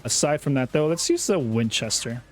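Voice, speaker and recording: A young man giving casual, chatty commentary over his own gameplay, often repeating himself and getting excited. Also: medium pitch, moderate pace, faint music behind. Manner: chatty, self-talking, repeats words, excitable. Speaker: gaming YouTuber.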